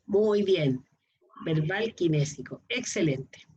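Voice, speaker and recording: Husky woman teaching online. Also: lowish voice, lively intonation, takes it slowly, warm tone. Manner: explains with frequent checking questions. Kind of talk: online class lecture. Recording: dull lo-fi online class audio.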